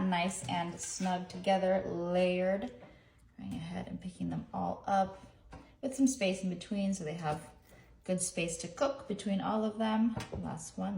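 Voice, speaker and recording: A woman's voice: mid-range voice, vocal fry, darkish tone. Upbeat woman, casual cooking demo, roomy echo, faint background hiss. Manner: upbeat, chatty step-by-step instructing. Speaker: cooking vlogger.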